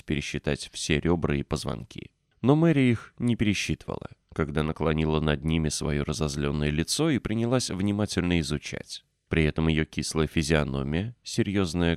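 Man, audiobook narration, very low voice, dry close sound, expressive. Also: smooth, dry recording. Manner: expressive storytelling. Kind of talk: scripted narration.

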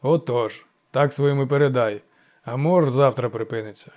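A gruff goat-legged forest god with a dark, low-lit tone, as a male narrator puts him on. He grumbles and gives curt orders. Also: normal speed, lightly acted.

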